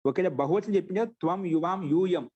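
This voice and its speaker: A man teaching Sanskrit grammar in an online class, repeating each phrase slowly so students can write it down. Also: high-pitched, mellow, muffled recording.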